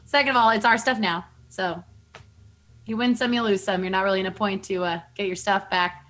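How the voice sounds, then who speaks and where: Bright, blunt woman player. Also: medium pitch, steady tone, a little fast. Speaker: tabletop game player. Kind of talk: casual in-game banter.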